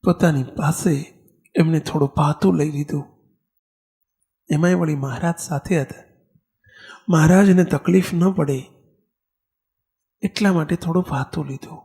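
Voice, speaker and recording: A man with a Gujarati accent giving a sermon as a monk, telling a story in an animated way and acting out the characters' lines. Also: on the high side, a little slow, creaky, pauses often, breathy edge.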